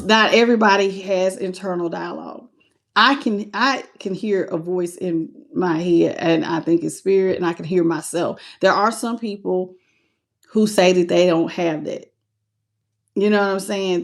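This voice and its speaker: A woman's voice: lowish voice, creaky. A woman reading tarot cards on a live stream, talking casually and bluntly, teasing and greeting her viewers by name. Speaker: tarot reader.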